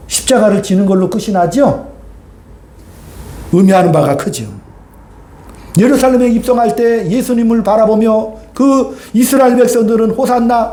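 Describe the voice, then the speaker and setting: Male pastor, high voice, animated sermon, rhetorical questions, echoey church hall. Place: church sanctuary.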